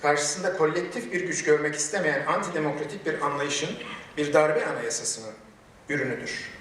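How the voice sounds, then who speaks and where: A man speaking at a podium microphone in a large hall, giving a formal prepared speech with emphatic, measured delivery and rhetorical questions. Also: fairly high pitch, fairly bright tone, a little hiss or hum. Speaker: medical chamber president giving a ceremony speech. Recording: very echoey hall, voice distant from the mic.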